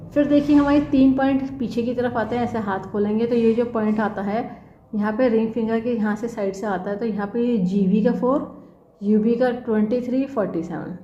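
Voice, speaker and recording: A woman's voice: a little high, warm tone, roomy sound, muffled recording, a little hiss or hum. A woman teaching acupressure, walking viewers through a demonstration and checking in often with "theek hai". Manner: instructive, frequent "theek hai" check-ins. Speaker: acupressure instructor. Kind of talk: demonstration tutorial.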